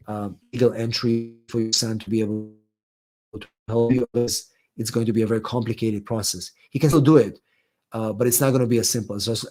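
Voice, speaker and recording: An immigration attorney hosts a live Q&A stream, reading viewers' questions aloud and answering them loosely and conversationally. His voice is lowish with a darkish tone, and he uses plenty of ums, fillers and restarts.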